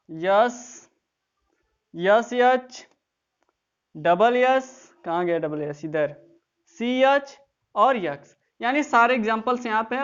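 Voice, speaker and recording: A woman's voice: fairly high pitch, muffled recording. A woman teaching English grammar in an online class, explaining step by step and often checking that students follow.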